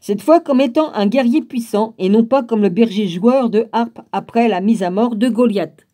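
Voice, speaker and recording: A woman's voice: on the high side, normal speed, dark tone. A woman reading a book aloud, stopping for wry asides and spelling out names. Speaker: reader of a book.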